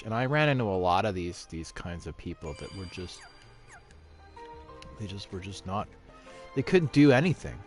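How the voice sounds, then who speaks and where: A middle-aged man telling a rambling school story, profane and emphatic. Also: fairly low pitch. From Canada. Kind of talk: casual storytelling monologue.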